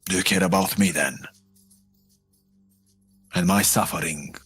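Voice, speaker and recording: A man playing a proud, strong-willed warrior in a tabletop game, arguing earnestly in a husky voice. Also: low voice, unhurried, fairly bright tone, no room sound, faint music behind, full character voice. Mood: earnest, pleading.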